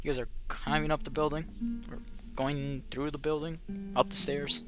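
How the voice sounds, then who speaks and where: A man running a tabletop game as game master, lively and quick to react. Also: on the high side, music in the background. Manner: animated, voices crowd and characters.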